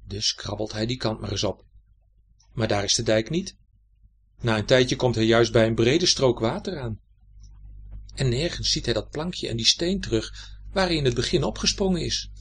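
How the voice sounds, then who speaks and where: A man narrating a children's story in an expressive, lively way. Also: medium pitch, a little hiss or hum.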